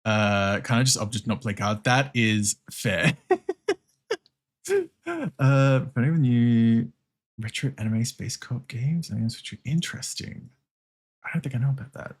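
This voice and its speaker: A man's voice: mid-range voice, measured pace, pauses often. An Australian man chatting casually on an art livestream, welcoming viewers with an easygoing, sweary, giggly manner. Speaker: streamer and artist. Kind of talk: casual livestream chat while drawing.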